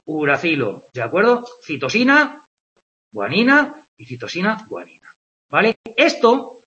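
A man with a Spain Spanish accent giving an online biology class. His voice sits high and swings through a lively pitch range as he jokes about his drawings and keeps checking in with students. The sound is a touch dull and lo-fi. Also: measured pace. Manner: conversational, checks in with "¿vale?" and "¿de acuerdo?"; explains with playful comparisons. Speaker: biology teacher. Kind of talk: online lecture with on-screen drawing.

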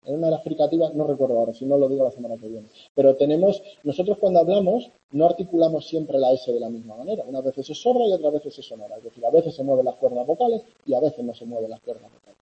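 A man from giving a university lecture in a conversational way, often checking in with students and filling pauses. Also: medium pitch, animated, lo-fi sound. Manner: conversational, with many fillers and "¿vale?" checks. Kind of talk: classroom lecture.

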